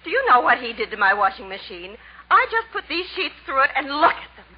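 A woman playing an indignant housewife customer, shrill and outraged, in 1940s radio comedy acting. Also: sing-song, slow pace, husky, heavily acted. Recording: dull old radio recording.

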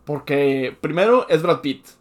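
A man's voice: on the high side, expressive, a little slow. A young man, co-hosting a casual chat and often stumbling and repeating words. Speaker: podcast co-host.

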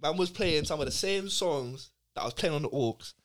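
A man's voice: fairly high pitch, animated, a little fast. A young man with a London accent chatting and telling stories in roadman slang, repeating phrases for emphasis. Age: young adult. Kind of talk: casual chat, anecdotes.

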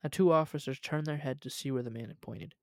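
A man's voice: medium pitch, quick pace, no room sound, studio quality. A young man reading a story aloud at home, casual, with asides.

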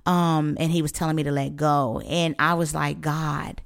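A middle-aged woman, a minister giving an emotional personal testimony, her voice rising into high pleading when she recalls her prayers. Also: level tone, moderate pace, creaky.

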